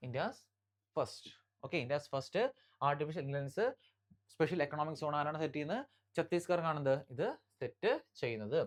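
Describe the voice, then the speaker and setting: Teacher from Kerala, exam-prep lecture, repeats key facts, checks in with listeners, slow headline reading. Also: medium pitch. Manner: repetitive, drills key facts, checks in often; reads English headlines slowly, then explains.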